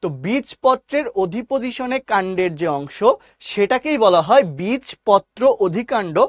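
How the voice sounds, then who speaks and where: A man teaching a live online biology class, repeating key terms slowly and quizzing his listeners. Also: sits high, lively intonation, no echo.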